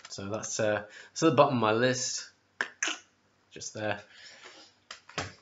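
Speaking unhurriedly in a lowish voice, a forties-aged music vlogger with a sore throat rambles through an album ranking from his kitchen, correcting himself often. The close webcam captures dull, lo-fi sound with a noisy background.

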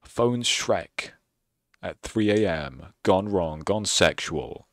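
Slow and low-voiced but lively in intonation, a young male streamer closes things out with casual, wandering chatter full of sarcastic self-mockery. The close-miked recording is dry.

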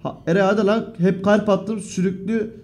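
A young man streaming live, casually reading out his viewers' messages, cursing freely and breaking into loud outbursts. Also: sits high, fairly even intonation, moderate pace. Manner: profane, swearing often, loud outbursts.

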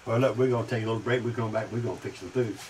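A man's voice: lowish voice, steady tone, rapid-fire, darkish tone. An older man hosting a cooking show, chatting in a folksy way and repeating his words. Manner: folksy, repeats words, laughs at own jokes. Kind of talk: casual chat. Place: outdoor patio set with garden. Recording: distant mic, faint outdoor noise.

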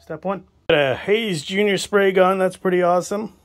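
Soft music plays in the background as a man from New England, an estate sale buyer, films a shed cleanout on his handheld phone. Picking through the cramped wooden space, he offers casual, musing commentary to viewers in a high voice at a moderate pace.

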